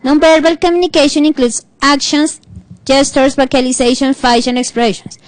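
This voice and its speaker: A Colombian woman leads a class, reading passages and then explaining them in an animated way. Her voice sits high. The sound is dry and close, with no room echo. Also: measured pace. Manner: switches between reading English and explaining, animated. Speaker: teacher. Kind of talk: bilingual online class lecture.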